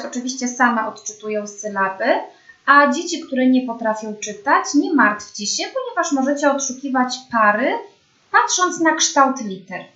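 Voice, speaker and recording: Slow, patient woman teaching children. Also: a little high, fairly bright tone. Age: young adult. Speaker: speech therapist. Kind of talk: children's speech therapy lesson. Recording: dull, roomy home recording.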